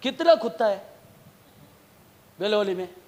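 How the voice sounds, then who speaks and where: High-pitched guy preaching, keeps repeating stuff and firing questions at the crowd, then goes loud. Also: animated, measured pace. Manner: emphatic, repeats phrases, swings from loud outbursts to low asides; questions the congregation and tells them to read aloud. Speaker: pastor. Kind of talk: sermon.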